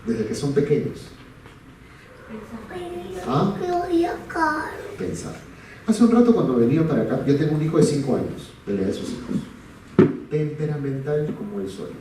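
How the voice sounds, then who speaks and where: Un hombre, psicólogo de colegio, da una charla a padres, hace preguntas al público y cuenta anécdotas propias con diálogos actuados. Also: male voice, mid-range voice, expressive, normal speed, long pauses. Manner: asks the audience questions, tells a personal anecdote with acted dialogue. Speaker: school psychologist giving a talk to parents. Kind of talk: parent talk with storytelling. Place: large school hall. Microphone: recorded from far off. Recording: echoey hall from far off with noise.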